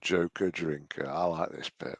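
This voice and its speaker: A man's voice: deep voice, fairly even intonation, normal speed. An English man in his late forties giving mocking reaction commentary, sarcastic and sweary. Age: late 40s.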